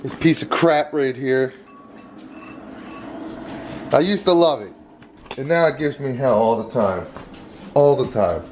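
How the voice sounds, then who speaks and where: A man's voice: mid-range voice, measured pace, long pauses, noisy background. A middle-aged man, a father, talking casually and crudely in a family vlog, scolding and swearing a lot.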